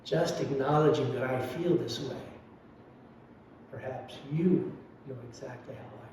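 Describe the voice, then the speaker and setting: Unhurried and a little mellow at a medium pitch, a lay Buddhist man offers a dharma talk full of reflection, confession, and wry humor. The mic is far off in a very echoey hall, and there is slight background noise.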